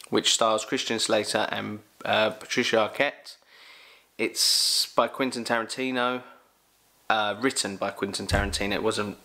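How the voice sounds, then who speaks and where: Gravelly, bright-voiced London man chatting. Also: fairly low pitch. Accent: London English. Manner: animated, jokey, exclaims loudly. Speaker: vlogger answering questions. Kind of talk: casual Q&A chat.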